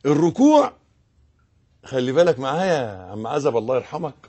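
A man preaching a sermon with an Egyptian accent, repeating words and swinging between emphatic bursts and hushed tones. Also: medium pitch, sing-song, fairly quick, slightly rough. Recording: audio recording.

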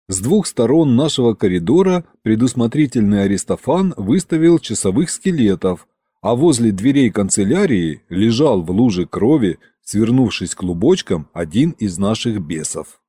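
Expressive male audiobook narrator. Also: fairly low pitch, moderate pace, breathy edge, no room sound, clean studio sound. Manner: lively, expressive reading.

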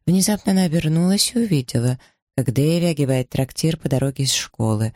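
A man reading a novel aloud in measured, even storytelling narration. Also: fairly high pitch, dry recording, clean studio sound. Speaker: audiobook narrator. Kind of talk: scripted narration.

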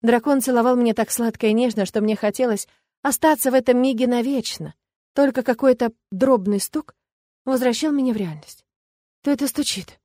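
A woman narrating a first-person fantasy romance audiobook in a lively, expressive way. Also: a little high, fairly quick, dry recording. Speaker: audiobook reader. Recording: dry close recording.

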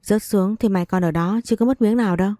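A woman's voice: medium pitch, quick pace, mellow, dry recording, lightly acted. Woman reading as a cold, bossy young master. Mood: scolding. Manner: curt commanding scolds.

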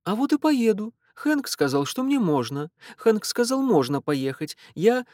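A man reading aloud voices a stubborn, bratty teenage girl who talks fast and defiantly. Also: sits high, sing-song, darkish tone, no room sound, clean studio sound, voice pushed up. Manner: insistent, quick, defiant.

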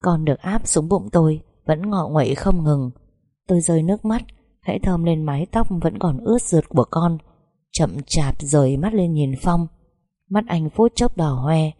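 Low, warm female storyteller, first-person audiobook; dry close recording. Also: normal speed, no room sound. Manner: calm, emotional storytelling. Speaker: narrator.

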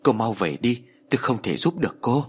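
A man voicing a tired, curt older male spirit medium who speaks slowly. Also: mid-range voice, animated, husky. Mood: weary. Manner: slow, tired, dismissive.

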